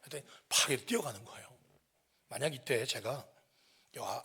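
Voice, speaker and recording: A middle-aged male pastor telling a story in a sermon, acting out shouted quotes. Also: mid-range voice, breathy edge. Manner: animated, acts out shouted quotes. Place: church sanctuary.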